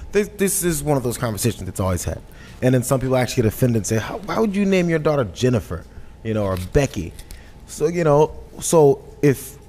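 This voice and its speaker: A man speaking as a panelist in a discussion, with a voice of ordinary male pitch. He sounds easygoing and circles back on his own words as he talks. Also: darkish tone, long reverb tail. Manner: easygoing, rambling restarts. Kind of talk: panel talk.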